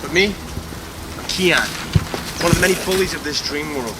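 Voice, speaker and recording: Man acting a high-pitched brash bully. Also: normal speed, natural voice. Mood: dismissive, irritated. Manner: brusque, impatient. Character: brash, foul-mouthed male dream-world bully. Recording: noisy film location sound.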